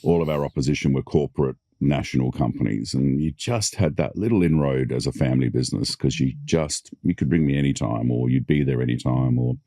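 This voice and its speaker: A very deep, warm-toned man answering questions as a podcast guest. He talks in a relaxed, unhurried way with plenty of fillers. The sound is close and dry. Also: no room sound. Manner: easygoing, relaxed, many fillers. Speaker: guest, family business executive. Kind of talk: casual interview chat.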